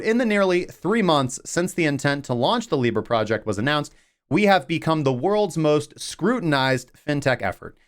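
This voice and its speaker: A young man, hosting a livestreamed crypto news show with sarcastic asides and jokes. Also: on the high side. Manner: jokey, sarcastic asides, mock voices.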